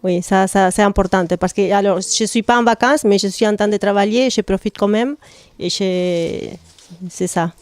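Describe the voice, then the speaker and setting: A woman's voice: medium pitch, moderate pace, darkish tone, smooth, dry recording. A woman from Argentina, hesitantly searching for French words as she talks about joining a carnival group. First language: Spanish. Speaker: carnival participant.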